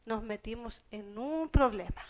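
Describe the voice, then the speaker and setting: Una mujer con acento chileno predicando un sermón, que lee pasajes bíblicos y los explica en palabras sencillas y cercanas. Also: female voice, fairly high pitch, unhurried. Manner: conversational, explains scripture in plain everyday terms; reads Bible passages aloud. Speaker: preacher. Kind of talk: sermon.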